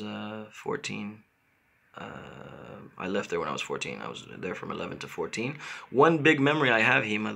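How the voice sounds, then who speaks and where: Casual stream host, male, 30s, from Israel; slightly low, bright voice, halting and filler-heavy. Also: gravelly. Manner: halting, repeats words, many fillers. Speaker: channel host. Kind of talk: casual live-stream chat, reading comments.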